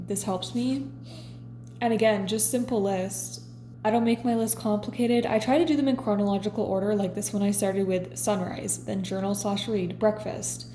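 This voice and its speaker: A woman in her twenties, chatting casually as a vlogger and reading her own diary entries aloud in a relaxed, confessional way. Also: medium pitch, roomy sound, slight background noise. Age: 20s. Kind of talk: casual chat.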